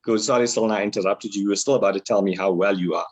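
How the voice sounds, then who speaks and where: A man's voice: on the low side, rapid-fire. A man hosting a casual online webinar discussion over a video call. He talks in a friendly, easygoing way. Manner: friendly, easygoing, laughs often. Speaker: webinar host.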